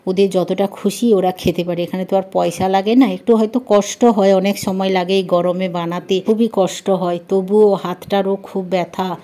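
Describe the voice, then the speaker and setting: A woman's voice: medium pitch, flat delivery, normal speed, dark tone. A middle-aged woman with a Bengali accent chatting through a cooking vlog from her home kitchen, talking to viewers like friends. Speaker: vlogger and housewife. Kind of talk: casual cooking vlog narration.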